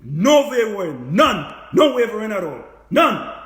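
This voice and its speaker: A man with a Trinidadian accent, a livestream host, political activist and business lecturer, speaks in a high, very animated voice with a fairly bright tone and a slightly slow pace. His impassioned, informal monologue is emphatic and repetitive, packed with rhetorical questions. The stream was recorded in an echoey room.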